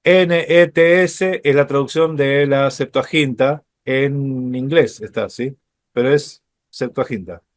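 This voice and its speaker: A man teaching a Bible study lecture, explaining step by step, often checking in with his listeners and pausing on fillers. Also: medium pitch, no echo, studio quality.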